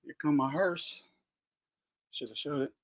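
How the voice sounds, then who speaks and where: A man's voice: on the high side, a little slow, a bit bright. A man hosting a boxing talk show, ranting casually, laughing often and swearing freely. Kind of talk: casual profane rant.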